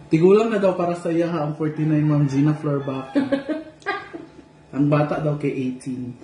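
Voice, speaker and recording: A man's voice: a little high, very animated, measured pace, mellow. A man hosting a casual livestream, reading out viewer comments with playful, teasing jokes. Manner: playful and teasing, joking asides. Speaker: vlogger reading live comments. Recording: echoey room with faint noise.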